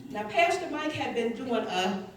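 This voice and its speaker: A woman's voice: fairly high pitch, expressive, a little slow, a little hiss or hum. A middle-aged woman telling her personal testimony to a church, acting out the dialogue as she tells it. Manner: storytelling, quoting others in dialogue. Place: church sanctuary. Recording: echoey church hall from far off.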